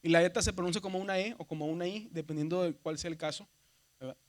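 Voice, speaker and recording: Speaking fast in a high voice, this man leads a seminary lesson on the Greek alphabet, calling his students brothers. His classroom manner is patient and repetitive; he spells letters aloud and repeats "¿verdad?" again and again.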